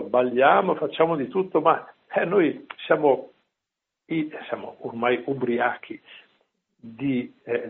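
A man preaching and telling stories, slow and emphatic, with chatty asides to his listeners. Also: medium pitch, vocal fry, husky. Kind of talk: religious talk with storytelling. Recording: lo-fi phone-like line.

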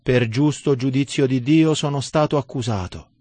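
A man's voice: mid-range voice, moderate pace, a little mellow, no echo, lightly acted. A man reading the words of a dead man sitting up in his coffin, in a solemn, grave tone. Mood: dread.

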